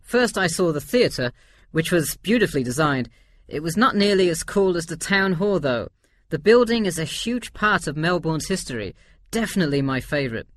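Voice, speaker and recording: In a scripted listening-test dialogue, a man plays an easygoing forty-one-year-old tourist answering a survey, giving agreeable, explanatory replies in a lightly acted style. His voice is a little high and animated, at a moderate pace, with a little hiss or hum in the recording.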